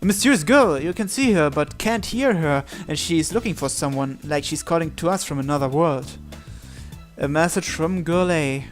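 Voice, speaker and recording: With game music playing in the background, a man performs a visual novel as a gaming host, voicing the text theatrically and breaking in with his own comments. His voice is a little high and animated, delivered at a moderate pace.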